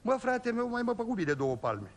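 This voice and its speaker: High-voiced man telling a rustic comic tale. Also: sing-song. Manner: folksy, addresses listeners directly. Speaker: comic storyteller.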